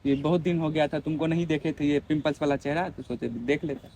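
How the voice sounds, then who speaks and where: A man's voice: a little high, little pitch movement, fast talker, a little mellow. Young male vlogger, bossy and insistent during a prank argument; faint background noise. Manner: pushy, repeats commands. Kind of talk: heated casual argument.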